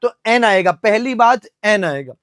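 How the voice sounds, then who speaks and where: A young Indian man with a high voice explains confusable words. He asks his own questions, answers them at once, and spells words out slowly letter by letter. The sound is dry and close. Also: animated, fairly bright tone, no room sound. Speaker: English teacher. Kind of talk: classroom vocabulary lesson.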